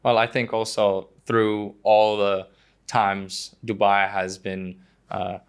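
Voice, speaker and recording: A man from Croatia speaks as a podcast guest in a very flat, even voice. He talks casually, pausing often and restarting his sentences. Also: on the low side, clean tone. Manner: hesitant, many fillers and restarts, flat delivery. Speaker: guest, prospective investor.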